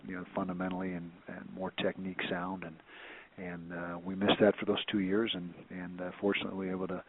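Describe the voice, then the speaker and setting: A man's voice: low voice, little pitch movement, fast, slight background noise. A man, a college football head coach, answering reporters' questions on a teleconference, rambling with many restarts and fillers. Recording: tinny phone line.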